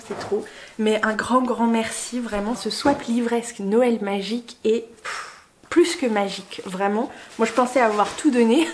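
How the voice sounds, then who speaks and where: A young woman vlogging casually, excitedly gushing over a book gift she unboxes. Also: on the high side, slight background noise. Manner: gushing, excitable, many exclamations.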